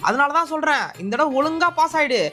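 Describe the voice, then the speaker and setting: A woman playing the anxious guardian of a schoolboy, explaining things rapidly. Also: high-pitched, animated, sharp tone, soft background music. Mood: worried.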